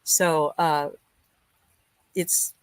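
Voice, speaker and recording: A woman's voice: deep voice, fairly even intonation, extremely slow, clear, resonant tone, dry recording. An American woman musician hosting a casual livestream, chatting and greeting viewers by name as she reads their comments. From United States. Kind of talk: casual live-chat hosting.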